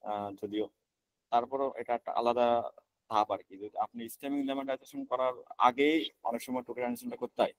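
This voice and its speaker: A young man teaches a class over slides, talking quickly and casually. He fills his pauses and often corrects himself. His voice sounds close and dry, with no room around it. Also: medium pitch, no room sound, rough recording. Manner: conversational, many fillers and self-corrections. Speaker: lecturer. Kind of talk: online lecture with slides.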